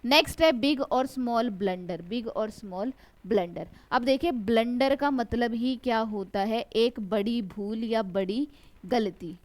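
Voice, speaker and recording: A woman's voice: a little high, darkish tone. Woman teaching English grammar. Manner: asks a question and then answers it herself; stretches out example words slowly. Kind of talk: classroom lecture.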